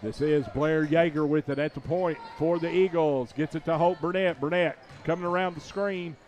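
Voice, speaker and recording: A man giving rapid, excited play-by-play of a high school basketball game from a school gymnasium, his voice jumping up on every shot. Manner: rapid, excited calls that rise on shots. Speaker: play-by-play announcer.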